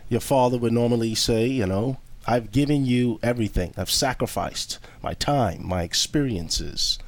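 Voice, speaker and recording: A man hosting a religious study panel, speaking in a measured, reflective way. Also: medium pitch. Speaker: host. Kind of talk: scripted opening, then panel discussion.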